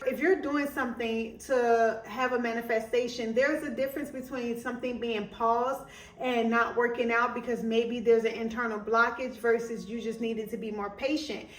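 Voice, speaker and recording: A woman's voice: on the high side, steady tone, normal speed, roomy sound, recorded from a distance. A young woman hosting a podcast, talking in a chatty, emphatic way with many asides and a country twang that comes and goes. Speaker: podcast host. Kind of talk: casual motivational monologue.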